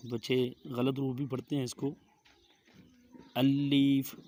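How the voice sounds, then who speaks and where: A middle-aged man with a Pakistani Urdu accent teaching Quranic letter pronunciation, saying each sound slowly and with care. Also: medium pitch. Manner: drawn-out careful letter pronunciation, monotone delivery. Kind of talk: slow methodical recitation lesson.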